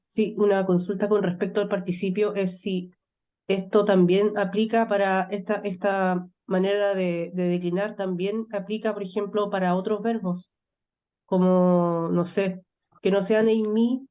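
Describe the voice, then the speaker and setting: A woman asks her teacher a question during an online class. She sounds polite and a little unsure. Her voice is mellow and of middling pitch. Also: flat delivery, measured pace, muffled recording. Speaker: student.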